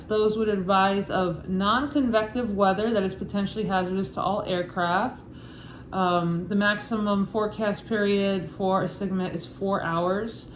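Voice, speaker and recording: A woman with a Brooklyn accent reads a study guide aloud as an informal lesson, casual and matter-of-fact, with offhand asides. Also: mid-range voice. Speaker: instructor reading a study guide. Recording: echoey room with faint background noise.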